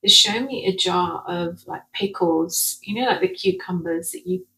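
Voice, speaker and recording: A woman's voice: fairly low pitch, normal speed, sharp tone, rough recording. A woman with an Essex accent who drops her T's into glottal stops, giving a casual, rambling intuitive card reading to viewers and often checking in as she goes. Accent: Essex English. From Essex, England. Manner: chatty, rambling, frequent checking "okay?". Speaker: spiritual card reader.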